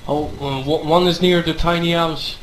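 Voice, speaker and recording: A man calling out shots to teammates in gaming voice chat, excited and swearing. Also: a little high, normal speed. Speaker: gamer teammate. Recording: echoey room with clear noise.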